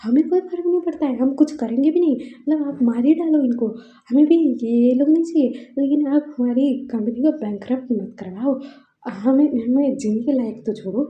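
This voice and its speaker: A woman's voice: high-pitched, moderate pace, natural voice. A woman voicing two rich male alpha husbands who beg desperately, in a tinny, echoey recording. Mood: begging. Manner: desperate, begging. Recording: tinny phone-like echoey room.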